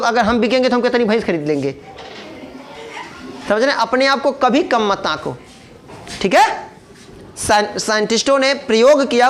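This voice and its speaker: A man's voice: very high-pitched, a bit bright. A man gives an informal lesson. He keeps checking with his listeners through rhetorical questions and tosses in jokes, in a chatty, down-to-earth tone. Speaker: teacher. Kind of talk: informal classroom lecture.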